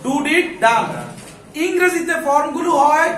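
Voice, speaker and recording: A man's voice: very high-pitched, takes it slowly, fairly bright tone. A man teaching an English grammar class, firing questions at the students and answering them himself, and scolding anyone who chats. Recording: echoey classroom from far off.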